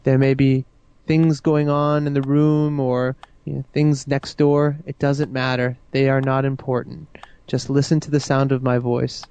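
Slow soothing male hypnotist. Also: mid-range voice, level tone, warm tone, clean tone, dull audio. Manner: slow, soothing, repetitive suggestions. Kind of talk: guided hypnosis induction.

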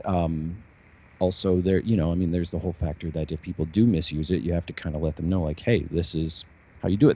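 A man's voice: sits low, warm tone. A man talking casually as a musician and podcast host, rambling with many fillers and restarts. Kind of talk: casual chat.

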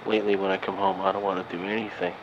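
A man's voice: low voice, little pitch movement, very fast. A man keeping a personal audio diary on a dictaphone tape recorder, talking in a weary, sighing, rambling way. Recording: lo-fi tape recorder with background noise.

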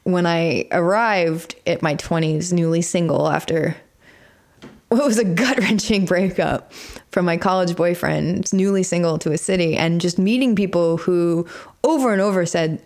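Low-voiced young woman, emphatic storyteller. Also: normal speed, darkish tone. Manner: emphatic, incredulous. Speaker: show guest. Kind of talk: conversational personal storytelling. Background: faint music.

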